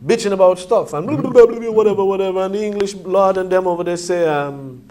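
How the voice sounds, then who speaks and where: A man reasoning conversationally in Rasta discussion style, pausing for words and often checking that he is followed. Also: high-pitched, crowd noise. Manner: hesitant phrasing, often checks with "you see".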